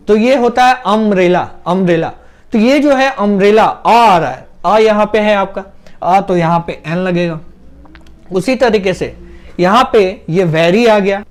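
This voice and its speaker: A man teaching an English grammar lesson step by step, asking questions and answering them himself. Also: sits high. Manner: explains step by step, asks and answers his own questions; drags out vowel sounds when demonstrating pronunciation. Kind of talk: classroom-style grammar lesson.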